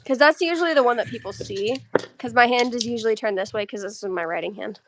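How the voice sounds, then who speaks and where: A woman's voice: a little high, quick pace, background noise. A young woman chatting casually on a livestream while drawing, giggly and blunt, swearing often.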